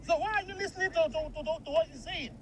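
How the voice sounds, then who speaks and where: A man's voice: very high voice, expressive, normal speed, a crowd in the background. A man playing a stern husband who lectures his wife reproachfully. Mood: scolding.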